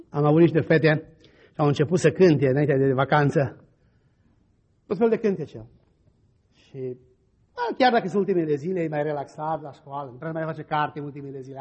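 A male pastor with a high, husky voice preaches with stories from his own life. His pitch leaps about as he moves from quiet asides to loud exclamations. The recording sounds dull and lo-fi. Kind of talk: sermon with personal stories.

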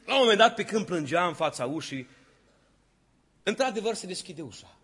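A man's voice: sits high, expressive, a bit bright, slightly rough. A male preacher telling a story dramatically and rising to fervent exhortation. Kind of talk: sermon.

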